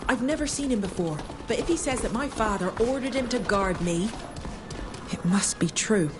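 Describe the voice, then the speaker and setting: A woman's voice: medium pitch, lively intonation, moderate pace, noisy background, close to an everyday voice. An actress playing a proud, defiant young female sea captain in a video game, indignant and headstrong. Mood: exasperated. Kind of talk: video game dialogue acting.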